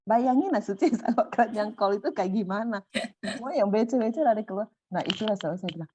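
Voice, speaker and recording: A middle-aged woman telling a personal story in a casual, animated way, going high when excited and soft when calm. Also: fast, husky, no room sound. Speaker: volunteer sharing a personal story. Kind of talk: casual storytelling in a sharing session. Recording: muffled dry sound.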